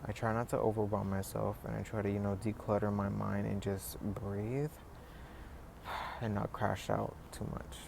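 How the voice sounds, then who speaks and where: A man's voice: fairly low pitch, flat delivery, normal speed, creaky. Rambling young man in his twenties. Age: 20s. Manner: rambling, full of "like" and "you know", restarts. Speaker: vlogger. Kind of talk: casual reflective monologue. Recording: noisy background ambience.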